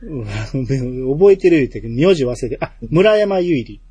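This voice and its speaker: A man's voice: mid-range voice, big pitch swings, a little slow, mellow, slightly rough, dry recording. A man with a Kansai accent chatting casually as a talk show co-host, teasing and prodding his partner. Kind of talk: casual chat.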